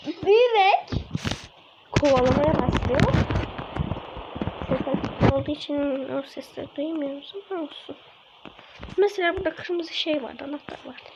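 A woman giving casual let's-play commentary to her viewers, often dropping to a whisper while she sneaks around. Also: high voice. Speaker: gaming channel host. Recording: lo-fi with clear background noise.

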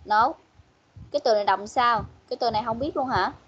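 A woman teaching an English class online, patiently coaxing pupils and repeating words slowly. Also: on the high side, a bit bright, husky. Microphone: video call. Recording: muffled online-call audio.

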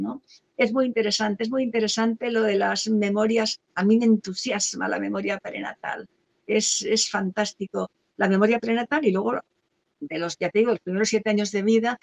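A woman talking as an interview guest, explaining her therapy work in a lively way and acting out quoted voices, with frequent restarts. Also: mid-range voice, creaky. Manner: animated, acts out quoted voices, many restarts. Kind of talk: conversational explanation. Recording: dull lo-fi sound.

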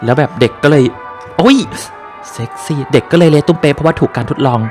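A man commentating a horror game as he plays it, excitable and joking, with frequent exclamations. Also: a little high, fast talker. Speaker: gaming streamer. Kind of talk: casual let's-play commentary. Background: game music.

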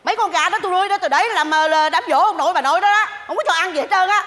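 An actress playing a stubborn, bossy rural older wife, bickering in a stage comedy sketch. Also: female voice, fairly bright tone, in a large hall. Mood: scolding. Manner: shrill, bickering, quick scolding.

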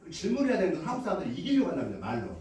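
A man's voice: high voice, huge pitch swings, very fast, warm tone. A man from Korea's Jeolla region giving a motivational lecture to a live audience, leading call-and-response and acting out quoted lines with frequent laughter. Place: lecture hall. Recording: echoey hall, heard from a distance.

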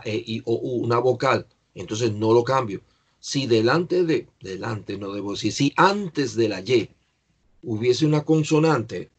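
A man's voice: mid-range voice, husky. A man teaching an English lesson in Spanish, explaining patiently and spelling words out letter by letter.

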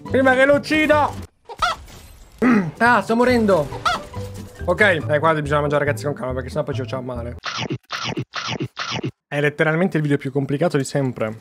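High-voiced excitable Italian young man. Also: brisk, long pauses, soft background music. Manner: animated, chatty, addresses viewers as "ragazzi". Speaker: gaming YouTuber. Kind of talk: excited gameplay commentary. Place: home gaming room.

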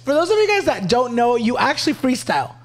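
A man's voice: very high voice, very animated, fast, faint music behind. A young man hosting a podcast in a studio, chatting casually and switching between English and Spanish. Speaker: podcast host. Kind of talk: casual bilingual interview chat. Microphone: studio mic on a boom arm.

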